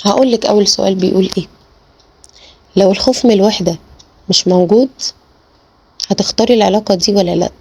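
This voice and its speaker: A woman's voice: medium pitch, fast talker, long pauses, darkish tone, breathy edge, no room sound. A woman life coach with an Egyptian Arabic accent gives relationship advice straight to the viewer. She talks earnestly and repeats words for emphasis. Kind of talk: direct-to-camera advice talk.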